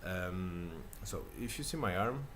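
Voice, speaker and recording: A deep-voiced man in his thirties speaks English with a Portuguese accent, hesitant and full of fillers and restarts. He talks casually to his camera at home, with a clear hiss of background noise. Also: lively intonation, unhurried. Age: 30s. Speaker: channel host. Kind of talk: casual self-recorded talk. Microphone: camera mic.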